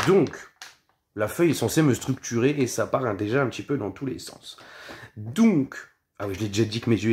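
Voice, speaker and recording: A man's voice: lowish voice, darkish tone. A man talking casually in a vlog, rambling and scattered, full of hesitations and self-mocking asides, partly reading from notes. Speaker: vlogger.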